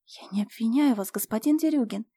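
A woman voices a young noblewoman who keeps calm and speaks with cool firmness. The voice sits a little high, close and dry, as in a storybook reading. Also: a little fast, slightly rough, no room sound. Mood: composed. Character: calm, firm young noblewoman managing an estate.

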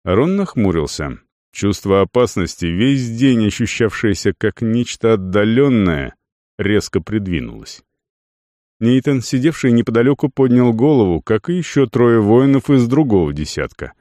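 A man narrating a fantasy audiobook in a lively, expressive reading. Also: fairly low pitch, moderate pace, no echo, clean studio sound.

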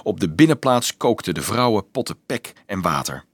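A man narrating an audiobook in a measured, dramatic way. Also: lowish voice, sing-song, slightly rough, no echo. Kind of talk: audiobook reading.

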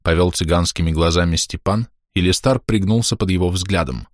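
Male audiobook narrator, very low voice, measured delivery, dry close sound. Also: no room sound. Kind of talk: scripted narration.

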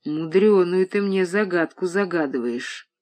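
Reader doing an old grey-haired dad in an audiobook, raging and groaning, slow heavy delivery. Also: medium pitch, lightly acted. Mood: stern. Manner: outbursts of shouting and moaning. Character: grey-haired old father, furious and grieving. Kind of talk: audiobook reading.

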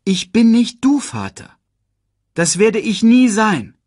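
Young lion, easygoing but troubled, played by the male narrator; animated, slightly husky. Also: a little high, unhurried, dry recording, studio quality, pitched above the performer's own voice, exaggerated voice. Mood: despairing. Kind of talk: storybook audiobook voice acting.

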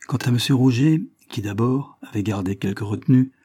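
A man narrating a classic short story in a measured, even audiobook reading. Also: mid-range voice, slightly rough, no room sound.

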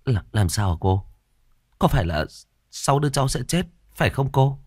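Man doing a scared young girl, stuttering bits, squeaky high voice, spooky story. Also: lively intonation, moderate pace, darkish tone, no room sound, studio quality, lightly acted. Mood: fearful. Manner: stammering, broken phrases. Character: terrified young woman, stammering and sobbing.

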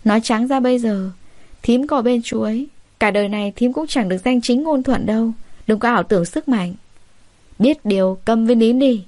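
A woman voicing a scheming, sharp-tongued elder sister-in-law in a spoken family drama, talking fast and sneering. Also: a little high, dry recording, lightly acted.

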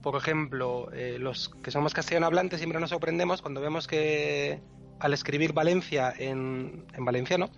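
A man's voice: on the high side, steady tone, moderate pace, creaky, highs cut off, soft background music. A man patiently explaining pronunciation rules on a podcast, spelling out syllables one by one. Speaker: podcast co-host teaching Elvish pronunciation.

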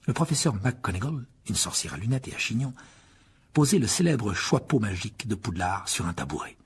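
A man narrating an audiobook with a husky voice, telling the story dramatically and rising with the action. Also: lowish voice, big pitch swings, fairly quick. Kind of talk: scripted narration.

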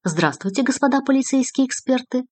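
A woman reading the lines of a drunk, distraught male secretary who talks loudly and self-pityingly. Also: medium pitch, big pitch swings, fairly quick, no room sound. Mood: mournful. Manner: loud, self-pitying outbursts.

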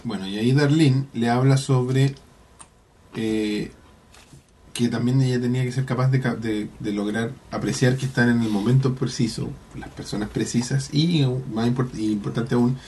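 A man's voice: medium pitch, steady tone, moderate pace, a little mellow, a little hiss or hum. A man with a Chilean accent hosting a podcast, recapping an episode in a rambling, slangy casual chat. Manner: slangy, rambling, full of colloquial swearing. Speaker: podcast host.

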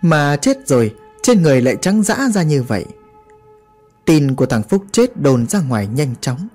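A man's voice: fairly high pitch, very animated, normal speed, darkish tone, soft background music. A man narrating a horror story in a dramatic, vivid way.

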